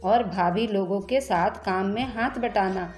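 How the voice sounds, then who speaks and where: Woman reading a gentle loving young husband. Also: medium pitch, unhurried, faint music behind, lightly acted. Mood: tender teasing. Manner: soft, affectionate.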